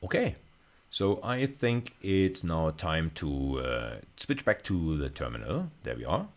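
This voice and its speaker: A university lecturer records a video lecture with a screen demo, speaking haltingly as he thinks aloud, with frequent fillers and restarts. His voice is rough and very low, though lively in pitch.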